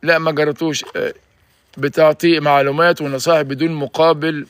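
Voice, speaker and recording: A man in his sixties with an Egyptian accent hosts a casual livestream and urges his listeners to focus on what he says. His voice is a little higher than most men's, and he rattles off his points at a quick clip. The sound is dry and close. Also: smooth, dry recording. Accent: Egyptian Arabic. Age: 60s. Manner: energetic and preachy, urging listeners to focus. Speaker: livestream host giving health advice.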